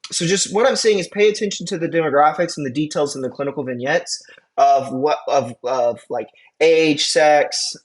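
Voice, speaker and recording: Casual young male lecturer, higher voice. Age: 20s. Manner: casual, filler-heavy explaining with frequent "you know" and "right". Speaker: EMT instructor. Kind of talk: recorded lecture.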